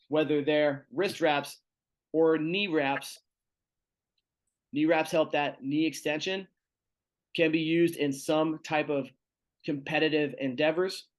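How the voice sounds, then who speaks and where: A man as strength coach giving a virtual seminar lecture, talking casually through slides with fillers, over a video call. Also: fairly high pitch.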